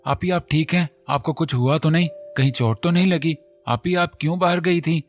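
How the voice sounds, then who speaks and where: A man's voice: a little high, normal speed, soft background music, voice pushed up, lightly acted. A man voicing a tearful, anxious young brother who pleads in a choked voice.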